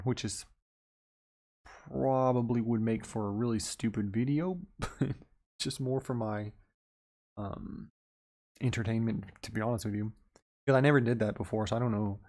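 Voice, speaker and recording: A man's voice: on the low side, darkish tone. A man hosting an investing livestream, reading news items aloud and then chatting loosely about them with asides and small chuckles. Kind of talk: casual live-stream commentary.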